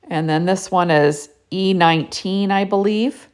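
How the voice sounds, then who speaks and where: A woman's voice: mid-range voice, a little slow, clean tone. A woman narrating a casual card-making tutorial in a chatty way, with lots of "you know" and "right?".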